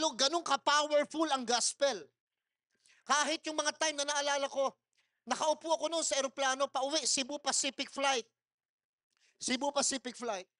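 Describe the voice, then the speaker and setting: A man with a notably high voice preaches at a church service held in a mall. He tells his sermon as a string of personal stories, pushing his voice loud on purpose so people nearby can hear. He mixes English phrases into his talk and laughs often along the way. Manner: storytelling, mixing in English phrases. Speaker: pastor.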